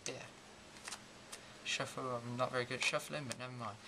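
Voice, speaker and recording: A young man in his teens giving an informal, halting step-by-step card trick tutorial in amateur magician patter. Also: mid-range voice, fairly even intonation, background noise. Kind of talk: informal step-by-step demonstration and explanation. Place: indoors at a table and whiteboard.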